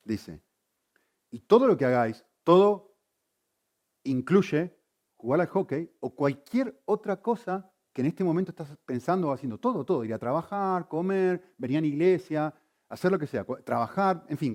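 A man preaches with a lively, animated delivery. His voice sits somewhat high for a man and rises and falls widely. He moves from loud emphasis to hushed, intense points. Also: normal speed. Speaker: pastor. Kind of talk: sermon.

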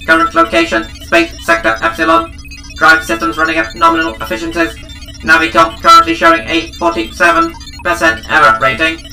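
A woman voicing a calm ship computer. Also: very high voice, a little fast, creaky, heavily acted. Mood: calm, flat. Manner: clipped, matter-of-fact status readouts. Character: calm female shipboard computer, flat and dutiful. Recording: echoey voice over music.

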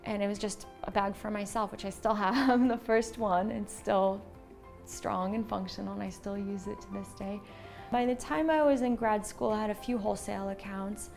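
An American woman, born in Slovakia and moved to the United States at seven, speaks casually and enthusiastically in an interview as a small business owner, a textile designer and shopkeeper. Her medium-pitched voice is creaky and darkish with fairly even intonation at a moderate pace, and faint music plays behind her.

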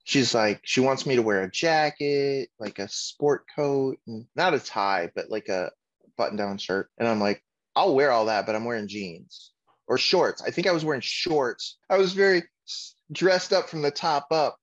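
A man's voice: mid-range voice, moderate pace. A middle-aged man talking bluntly and swearing freely as he tells stories in a casual podcast chat. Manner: blunt, profane storyteller. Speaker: podcast co-host. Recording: muffled lo-fi audio.

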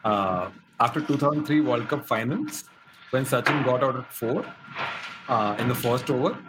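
A man's voice: medium pitch, moderate pace, background noise. A man with an Indian accent telling casual, humorous, self-deprecating stories as a talk show guest.

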